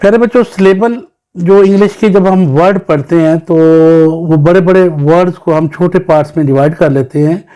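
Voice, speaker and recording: This Pakistani teacher's voice is high and mellow, moving at a normal speed as he records an English lesson for children. He explains in Hindi-Urdu sprinkled with English terms, patiently taking words apart syllable by syllable.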